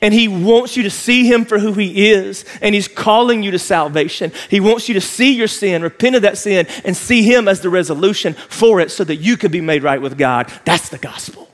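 A pastor with a voice that sits high preaches an impassioned, emphatic sermon in a large church auditorium. He walks the stage as he speaks, keeping a moderate pace with few pauses.

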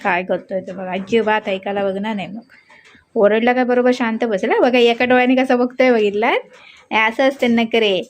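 A woman's voice: steady tone, moderate pace. A woman with a Marathi accent chatting casually to camera at home about her dog and cat, now and then scolding and coaxing them. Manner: chatty, scolds and coaxes pets in a higher playful voice. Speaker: pet vlogger. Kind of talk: casual vlog narration to camera. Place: home indoors.

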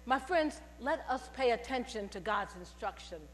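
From the pulpit of a large church sanctuary, an older woman in a purple robe gives a testimony sermon, telling stories with animated energy and calling out to the congregation in call-and-response. Her voice is fairly high and moderately paced, picked up on a headset mic. The recording carries long church reverb and a mains hum.

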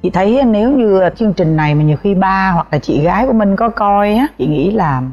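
A woman co-hosting a talk show, asking gentle, attentive questions. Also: mid-range voice, animated, brisk. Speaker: co-host. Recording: dull, lo-fi with faint music.

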